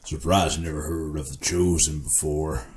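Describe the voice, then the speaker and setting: A man's voice: rumbling low, steady tone, moderate pace, a little hiss or hum. A man voicing an imperious male frog king, alternating between two different voices. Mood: curt. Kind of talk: game master voicing a character.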